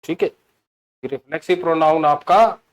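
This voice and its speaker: A man teaching English grammar in a classroom-style video lesson. He mixes Hindi with English terms, stresses key words and slows right down for example sentences. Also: a little high. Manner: explains in Hindi mixed with English terms, asks "ठीक है?" often.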